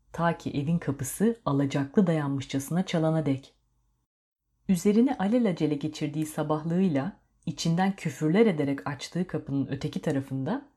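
A woman narrating a story in a steady, measured reading voice. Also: low-pitched.

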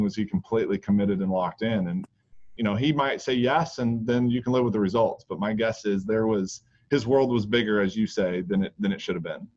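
This thirty-something golf coach, co-hosting a podcast, has a fairly low, darkish voice. His casual chat wanders, full of restarts and fillers, and it's captured in dull lo-fi podcast sound.

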